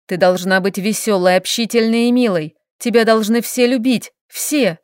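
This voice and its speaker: A woman voicing a stern, guarded young woman in an audiobook, speaking in a sharp, reproachful way. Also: a little high, moderate pace, no room sound, clean studio sound, natural voice. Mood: scolding. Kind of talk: audiobook character reading.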